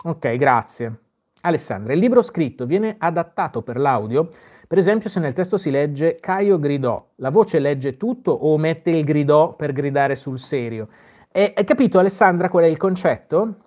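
A man with a fairly high, expressive, darkish voice speaks at a moderate pace. He's hosting a live Q&A, reading viewer comments aloud and answering them casually and chattily, with plenty of fillers and restarts.

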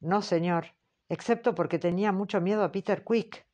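A woman reading the part of a frightened young woman answering questions, in a soft, hesitant way. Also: mid-range voice, normal speed, lightly acted. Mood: fearful. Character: frightened young woman witness, timid and polite. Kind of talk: audiobook character reading.

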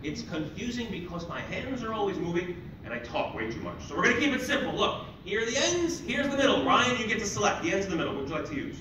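A man's voice: high-pitched, big pitch swings, fast, a crowd in the background. A man in his thirties doing playful, jokey kids party magician patter on stage, hyping up the children. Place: library auditorium stage, indoors. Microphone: distant audience camera. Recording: roomy, noisy hall recorded from far off.

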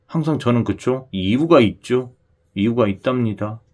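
A lottery channel host with a regional Korean dialect chats with his viewers in a mid-range, slightly mellow voice, expressive and at normal speed. He keeps checking for agreement, repeating "그죠?" to the audience.

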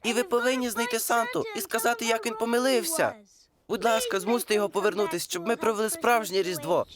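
A woman's voice: a little high, lively intonation, fast talker, over a noisy crowd, natural voice. A woman voicing a frightened young boy in a cartoon dub, panicked and pleading.

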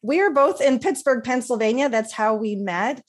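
A woman's voice: a little high, expressive, normal speed. A middle-aged woman hosting an interview over a webcam from a home office, introducing her guest with enthusiastic, effusive praise. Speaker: podcast host. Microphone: webcam on a video call.

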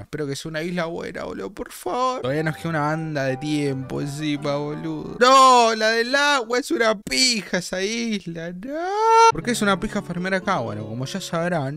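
A young man with an Argentine accent giving casual, excitable gameplay commentary, swearing and shouting at enemies, his voice a little off from being sick. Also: fairly high pitch. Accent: Argentine Spanish. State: slightly sick voice. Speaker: gaming youtuber. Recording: game music behind voice.

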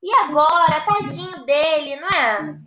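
A preschool teacher, a woman, reads a picture book to her class in a high, unhurried voice, coaxing the children to join in. The sound is echoey, with clear noise underneath it. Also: lively intonation, pushed and bright, highs cut off.

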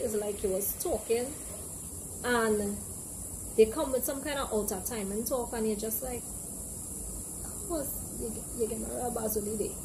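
A young woman with a Trinidadian Caribbean accent gives a casual, playful explanation to camera, slipping into local dialect examples. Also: fairly high pitch. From Trinidad and Tobago. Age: young adult. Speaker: language teacher and presenter. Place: outdoor open porch with trees behind. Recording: clear background noise, outdoor ambience.

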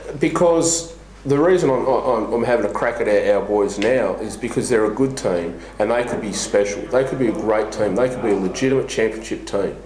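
A man's voice: lowish voice, fairly quick, a little mellow. A middle-aged man, a basketball coach speaking frankly at a post-match press conference, with many fillers and restarts. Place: small press room before a sponsor backdrop. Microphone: table mic on a stand. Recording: echoey room with faint hiss.

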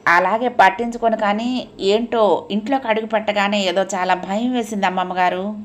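A polite, slightly uneasy young woman new to a strange house, voiced by a woman narrator. She talks softly and plainly, close to the reader's own voice. It comes from a storybook reading. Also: medium pitch, steady tone, normal speed, natural voice.

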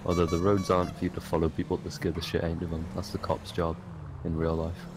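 A man's voice: low voice, little pitch movement, fast, noisy background. A man on game voice chat as a fellow admin, teasing in a dry way. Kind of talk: casual gaming voice chat.

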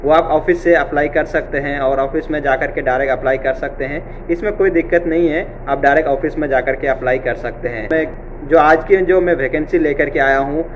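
A young man presenting a job-vacancy channel explains things in a casual, repetitive, reassuring manner, sprinkling in "theek hai" often. Recorded by webcam in an indoor office, his fairly high voice comes through muffled, with slight background noise.

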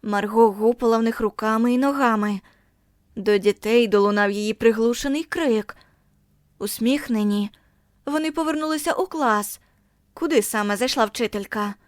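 A woman narrating an audiobook in a measured, expressive storytelling manner. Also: a little high, no echo, studio quality.

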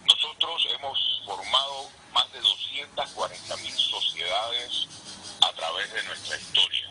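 A man's voice: fairly low pitch, a little slow, sharp tone. An older man, a company co-founder, giving a firm, defensive statement by telephone. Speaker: law firm co-founder interviewed. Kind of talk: phone interview statement. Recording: noisy telephone line.

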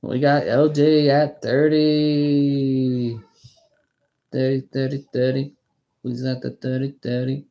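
A woman's voice: extremely low pitch, flat delivery, slow, long pauses, muffled recording. A woman hosting a live coin auction stream, chatting casually and calling out bids with a playful auctioneer patter.

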